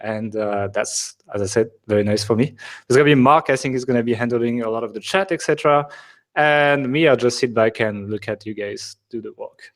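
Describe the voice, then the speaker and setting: A man with a French accent hosts a live online webinar in a relaxed, conversational way. He jokes with his co-hosts and fills his sentences with plenty of "uh"s and "like"s. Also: medium pitch, fairly quick. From France. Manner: chatty, joking, many fillers. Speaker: webinar host. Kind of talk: casual live webinar chat.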